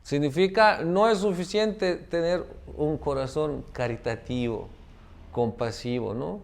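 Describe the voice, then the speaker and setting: Gravelly-voiced man giving a spiritual talk. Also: on the high side, measured pace. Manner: tag question "¿no?" after many phrases. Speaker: spiritual teacher. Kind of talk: devotional talk with a parable.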